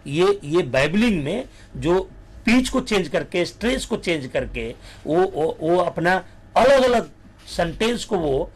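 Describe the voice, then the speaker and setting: Guy teaching a class, slow and kinda high voice. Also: very animated, breathy edge. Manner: mixes Hindi with English terms, slows to dictate definitions. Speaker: lecturer. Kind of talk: lecture.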